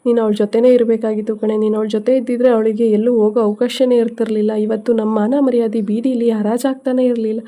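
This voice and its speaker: A woman's voice: fairly high pitch, flat delivery, fast, hardly any pauses, warm tone, natural voice. A woman voicing a grieving middle-aged mother who laments and scolds in a bitter, despairing way. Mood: lamenting.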